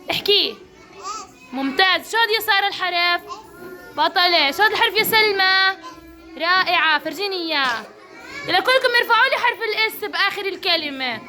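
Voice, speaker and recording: A woman with a Levantine Arabic accent teaching a kindergarten class, encouraging and praising each child by name. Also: very high-pitched. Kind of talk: classroom instruction.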